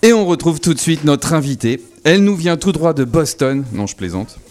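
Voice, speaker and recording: A man's voice: a little high, expressive, normal speed, a little mellow. A man hosting a radio show, joking and teasing as he welcomes a guest. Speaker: radio host. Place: small radio studio.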